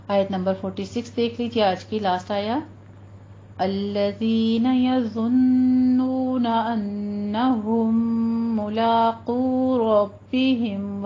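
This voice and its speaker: A woman teaching Quran recitation, explaining each word step by step and drawing out the recited examples slowly. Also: mid-range voice, warm tone, muffled recording, slight background noise. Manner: patient, slow, step-by-step instruction with drawn-out recited examples.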